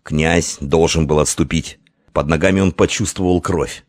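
A man narrating a historical adventure audiobook in a measured, expressive manner. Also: extremely low pitch, dry recording, clean studio sound.

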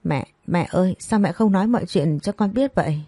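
A woman's voice: lowish voice, animated, a little fast, warm tone, slightly rough, no echo, clean studio sound. A woman voicing a shaken young woman who stammers, in a storybook reading. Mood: distraught.

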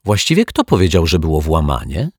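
Man voicing a clever detective, measured reasoning, a bit higher and louder than his narration, husky, dry storybook read. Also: huge pitch swings, no room sound, full character voice. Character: calm, clever male detective, adult.

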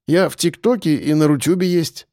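A man's voice: fairly high pitch, normal speed, darkish tone, dry recording, clean studio sound, lightly acted. A man reading an audiobook voices a brash fourteen-year-old boy who brags and talks back. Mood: cocky.

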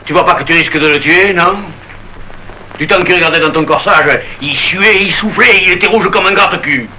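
An actor playing a hot-headed young male barman, taunting and quick-tempered, in a 1930s stage-style delivery. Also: sits high, pushed and bright, poor audio. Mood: brooding. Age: young adult. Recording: hissy old archive recording.

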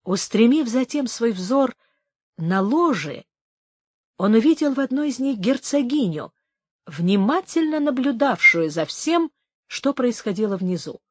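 Woman narrator, measured storytelling, breathy voice, dry close recording. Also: a little high, big pitch swings, no echo. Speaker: audiobook narrator. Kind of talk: scripted narration.

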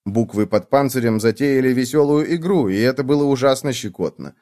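A man narrating a children's story in an expressive, lively reading voice. His pitch sits in the middle yet moves a lot, rising and falling to carry the tale. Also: fairly quick.

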